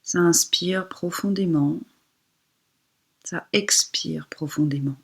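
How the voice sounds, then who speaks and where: A yoga instructor, a woman whose voice sits on the low side, leads a relaxation meditation. She speaks softly with a breathy tone, unhurried and soothing, leaving pauses between instructions.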